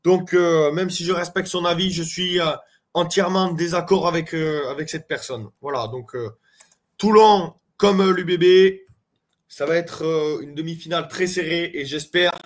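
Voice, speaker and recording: A man's voice: fairly high pitch, normal speed. A man from the Landes giving casual rugby fan commentary to his viewers, chatty and full of hesitations. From Landes, France. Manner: chatty, hesitant, many fillers, addresses viewers as "les gars".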